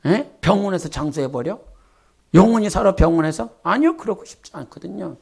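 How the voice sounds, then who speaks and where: Male pastor, middle-aged, high raspy gravel, chatty church sermon with emphatic swells. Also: expressive, a little fast, darkish tone. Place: church sanctuary.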